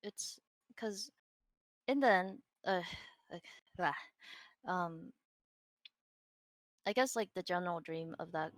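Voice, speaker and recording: A woman's voice: lowish voice, slow pace, pauses often, no room sound. A woman guest on a podcast, speaking hesitantly and self-doubtingly, with frequent "like"s and small laughs. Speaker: guest, digital artist. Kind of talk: casual interview chat.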